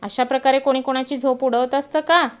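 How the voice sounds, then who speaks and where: A bold, mocking middle-aged auntie, as a woman storyteller puts her on, full of teasing questions. The voice sits a little high and carries a sly edge. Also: steady tone, brisk, smooth, lightly acted.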